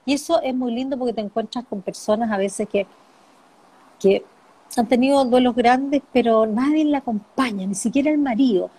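Middle-aged woman interviewee, husky and soft, reflective, repeats phrases. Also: on the high side, moderate pace. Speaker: interviewee, bereaved mother and author. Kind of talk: emotional personal interview.

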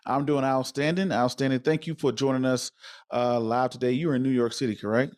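Guy interviewer, medium pitch, chatty and kinda rambling, informal. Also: steady tone, brisk, darkish tone. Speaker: interviewer and host. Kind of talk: casual live interview.

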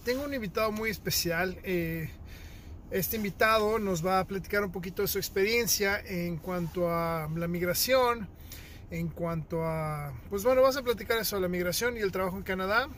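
Walking outdoors through crunching snow, a podcast host chats casually in an interview, full of fillers and restarts. His voice is high-pitched and fairly bright, at a moderate pace.

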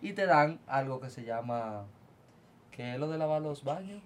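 A man's voice: mid-range voice, expressive, moderate pace. A man chatting casually and telling stories animatedly. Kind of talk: casual chat.

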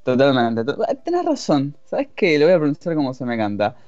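A man's voice: a little high, wildly swooping pitch, brisk, a little mellow, no room sound. A man with an Argentine accent, a guest on a casual podcast, talking in a laid-back, jokey way. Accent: Argentine Spanish. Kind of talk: casual chat. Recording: dull lo-fi dry audio, faint music.

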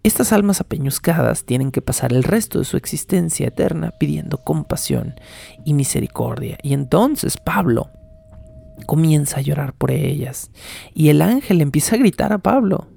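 Wry, gravelly lecturer. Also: medium pitch, animated, moderate pace, mellow. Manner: wry, digressive, explains asides. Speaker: lecturer retelling a medieval text. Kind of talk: casual lecture retelling.

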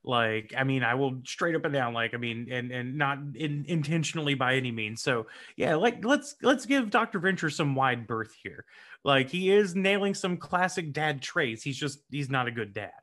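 A man's voice: mid-range voice, expressive, moderate pace, a bit bright. A man co-hosting a podcast, joking and rambling casually about his own kids. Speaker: podcast co-host and father. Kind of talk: casual chat.

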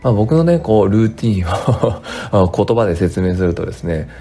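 On his casual home podcast, a tax accountant speaks into a home studio mic from his work room, chatty and rambling with many fillers. His lowish voice is mellow with a breathy edge, animated at normal speed, and dry and strained in the morning.

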